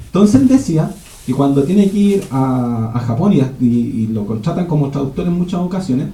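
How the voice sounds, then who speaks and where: A man's voice: a little high, sing-song, moderate pace, warm tone. A man giving a rambling teaching talk at a men's church retreat, often restarting his sentences. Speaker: retreat speaker. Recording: echoey room.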